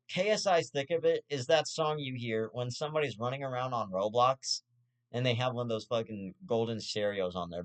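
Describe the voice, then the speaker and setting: Profane rambling young man ranting. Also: mid-range voice. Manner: profane, rambling, stammering restarts, half-joking. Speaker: host of his own commentary show. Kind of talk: ranting casual commentary.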